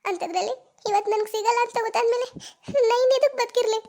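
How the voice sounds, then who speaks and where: A voice actor doing a heartbroken, very high-voiced village girl. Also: fast talker, vocal fry, a little mellow. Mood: sobbing accusation. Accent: North Karnataka Kannada. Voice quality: very high, sobbing pleas. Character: young village woman in love, betrayed and distraught. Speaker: lover. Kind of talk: cartoon voice acting.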